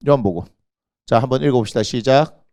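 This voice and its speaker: A middle-aged man preaching a lively sermon as senior pastor, telling stories in an animated way and acting out quoted voices with sudden shouts. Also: medium pitch, quick pace, no room sound. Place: church sanctuary.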